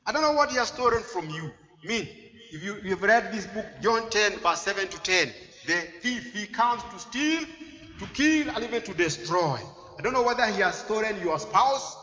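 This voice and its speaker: Male preacher, high and bright, emphatic church sermon; dull, echoey hall recording. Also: lively intonation, moderate pace. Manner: emphatic, repeats phrases, swings loud and soft.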